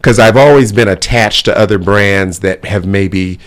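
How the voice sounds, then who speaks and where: Chatty man with a lower voice. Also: moderate pace. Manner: chatty, heavy on "you know" fillers. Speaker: talk show guest. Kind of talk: casual interview conversation.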